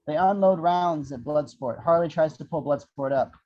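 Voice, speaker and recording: A man with a fairly high, mellow voice narrates screenplay action at normal speed in an amateur table read of an action script, adding wry, irreverent asides. The audio is dull and lo-fi.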